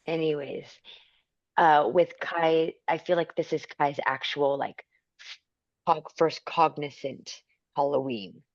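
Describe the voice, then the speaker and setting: A woman hosting a podcast in casual chat, relaxed and quick to react. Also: deep voice, dry recording. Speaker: podcast host. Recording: dull, dry sound.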